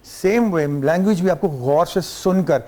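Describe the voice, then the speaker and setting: A man with a Pakistani Urdu accent tells relaxed anecdotes as a talk show guest. His voice sits a little high for a man, and he slips English and Arabic phrases into his talk. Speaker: guest actor.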